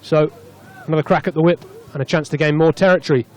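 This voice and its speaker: A man with a fairly high voice talks fast as he commentates live on a rugby tens match from the stand of an open stadium. He stays chatty between plays and rises excitedly whenever play breaks open.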